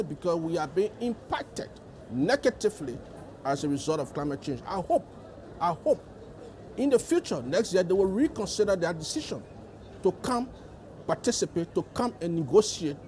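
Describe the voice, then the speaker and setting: Giving formal answers in an interview, a Liberian-accented male delegate drives points home by repeating himself. He sounds a little high and darkish in tone, with slight background noise.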